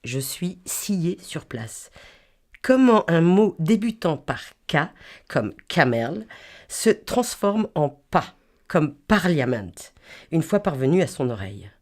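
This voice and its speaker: A woman reads a humorous first-person chronicle in a low voice. Her delivery swoops with lively pitch, wry and playful as she mimes sounds and accents. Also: takes it slowly. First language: French. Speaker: reader of a humorous column.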